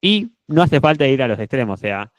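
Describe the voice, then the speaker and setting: A young man with a Rioplatense Spanish accent runs an online public speaking workshop, often shifting his volume and pitch to demonstrate. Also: big pitch swings, brisk, dry recording.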